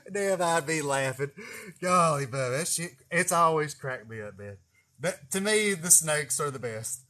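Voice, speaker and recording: There's a bright, forceful quality to this man's slightly high, animated voice, and he talks a little slowly. An East Tennessee snake catcher with a Southern accent, he hosts a casual livestream from a greenhouse garden, chuckling through profane, homespun stories.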